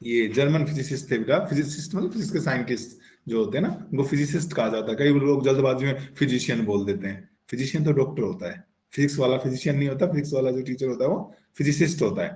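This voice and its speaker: A man's voice: mid-range voice, expressive, quick pace, darkish tone. Coaxing male physics teacher, echoey room. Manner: coaxing, calls students "beta", asks and answers his own questions; mixes English terms into explanations. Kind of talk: online classroom lecture.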